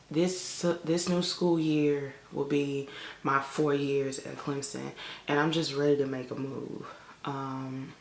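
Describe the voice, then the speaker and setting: A chatty Chicago woman in her 20s, a vlogger and college lecturer, talks straight into the camera in front of her from a room on a family vacation, her candid vlog packed with "like" and "um." Her low voice is gravelly with a fried edge, the room sounds echoey, and there's slight background noise.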